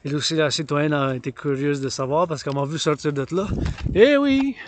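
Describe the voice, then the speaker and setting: Walking a mountain trail, this Quebec-accented vlogger mixes English and French, repeating phrases in both languages in a declamatory, theatrical manner. He has a fairly high voice, talks fairly quickly, and there is a little hiss or hum.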